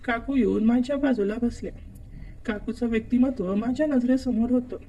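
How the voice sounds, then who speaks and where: A woman reading a first-person story aloud in steady scripted narration. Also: on the high side, moderate pace, muffled recording, slight background noise.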